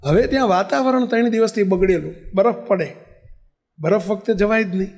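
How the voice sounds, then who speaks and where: A male preacher tells a sermon story in a very high voice with a gravelly rasp. He is animated and often pauses to check that his listeners are following. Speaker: religious preacher.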